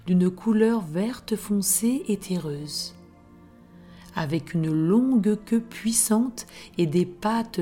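Slow, soft-voiced woman telling a bedtime story. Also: medium pitch. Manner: soft, hushed, often whispered. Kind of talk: scripted bedtime story narration.

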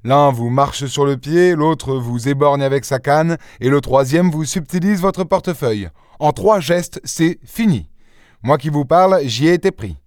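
A man's voice: fairly high pitch, expressive, darkish tone, no echo, clean studio sound, voice pushed up. A man voicing a blustering fake inspector. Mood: chatty. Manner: brisk, chatty, blustering. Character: smooth-talking fake police inspector, middle-aged man.

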